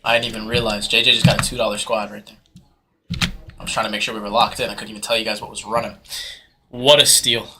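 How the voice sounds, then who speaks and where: A man hosts a live card break and calls out bids in hyped, rapid auction patter. His voice is very bright and sharp. He sits close to the mic. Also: fairly low pitch, level tone, a little hiss or hum. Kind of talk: live sales commentary.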